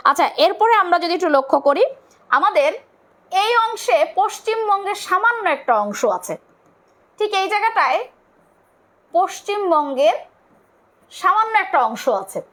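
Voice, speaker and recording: A young woman with a Bangladeshi Bengali accent teaches an online exam-prep class. Her voice sits very high, and she talks in a casual, colloquial way, posing questions and then answering them herself. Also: expressive, normal speed, pauses often, a bit bright. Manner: explains step by step, asks and answers own questions; colloquial, urges viewers to comment.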